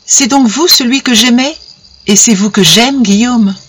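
A reader voicing a shy young woman in love, speaking in a breathless, halting way. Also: a little high, a bit bright, husky, pitched above the performer's own voice. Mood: wondering joy.

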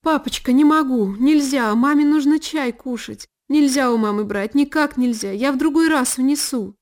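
A woman voicing a young girl in an audiobook who begs her father through tears, in a raised, childlike pitch. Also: normal speed, a little mellow, close to an everyday voice. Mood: pleading. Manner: pleading, tearful. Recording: long reverb, faint violin behind.

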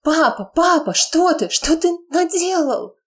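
A woman's voice: big pitch swings, a little slow, full character voice. A woman voicing a terrified young daughter who screams and sobs in panic. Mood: panicked. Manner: shrill, sobbing screams.

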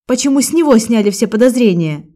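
A woman's voice: fairly high pitch, expressive, quick pace, warm tone, lightly acted. A woman voicing a young woman who is wrongly accused and pleads in a raised, tearful voice. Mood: desperate pleading.

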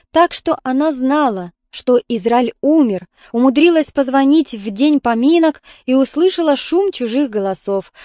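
A woman narrating an audiobook in a steady storytelling manner. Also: high voice, no echo, clean studio sound.

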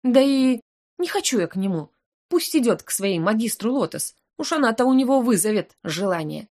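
A woman's voice: fairly high pitch, sing-song, moderate pace, a little mellow. Audiobook: tearful, huffy young woman student, a woman reader puts her on. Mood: indignant. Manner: sobbing, indignant outbursts. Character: tearful young female magic-academy student.

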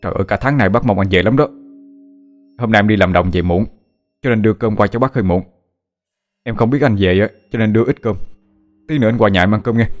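A man doing a cheerful, talkative village cousin in his late thirties. He rattles along quickly in a friendly, chatty tone, from a low voice. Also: faint music behind, close to an everyday voice. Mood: eager. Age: 30s.

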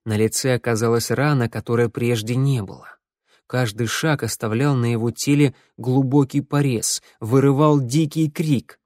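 Male audiobook narrator, slow and measured, lots of dramatic pauses, mid pitch, dead dry studio sound. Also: a little mellow, no room sound.

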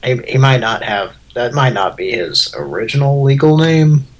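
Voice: medium pitch, animated, moderate pace, poor audio. A podcast co-host in casual chat, making dry absurd jokes. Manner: dry jokey, absurd bits.

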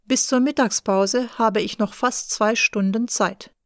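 A woman's voice: fairly high pitch, steady tone, a little slow, fairly bright tone, dry recording, clean studio sound. A woman reading the lines of a cool, wary bank clerk in an audiobook, matter-of-fact.

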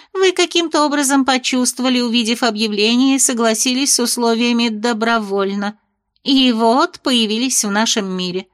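Evasive fairy headmistress read by a woman, soothing yet dismissive, slightly high voice, audiobook character. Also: a bit bright, lightly acted.

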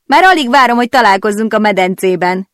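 A woman's voice: mid-range voice, animated, dry recording, pitched above the performer's own voice, natural voice. A woman reading an audiobook, voicing a smug rival male racing driver who mocks and needles, in a dry, close recording. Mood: taunting. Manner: mocking, needling.

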